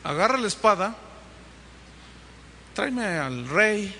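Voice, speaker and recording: A man's voice: high voice, very animated, slow pace, vocal fry, sharp tone, long reverb tail, slight background noise, full character voice. A man voicing God as a stern, impatient male deity who gives curt commands.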